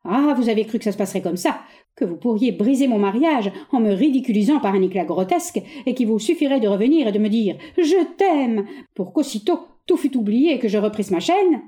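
A woman reading a stage play aloud, voicing a haughty, exasperated middle-aged gentleman with sharp, condescending exclamations. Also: fairly high pitch, expressive, fairly quick, lightly acted.

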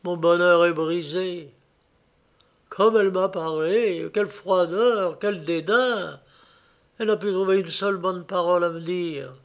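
A man's voice: high-pitched, a little slow, a bit bright. A man playing a bitter, heartbroken young village man who speaks with plaintive anguish in a read-aloud story.

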